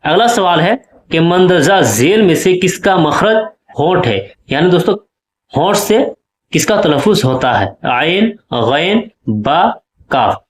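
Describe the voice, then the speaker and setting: A man's voice: high-pitched, expressive, a little slow, echoey room. A male teacher explaining exam questions step by step and often checking that his students follow. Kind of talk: exam-prep lesson.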